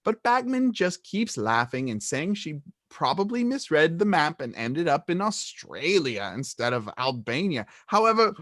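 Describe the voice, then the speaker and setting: A self-important young wizard official, read by a man in an amateur storybook group reading. He swoops up and down in a fairly high voice, pressing hard on his words. The sound is dry and close. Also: very animated, moderate pace, hardly any pauses, fairly bright tone, no room sound.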